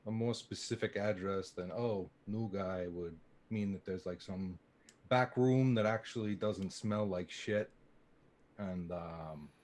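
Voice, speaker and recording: Guy playing a tabletop rpg, kinda low voice, wry, halting improv dialogue. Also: darkish tone. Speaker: player in a tabletop role-playing game. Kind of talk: improvised in-character table talk.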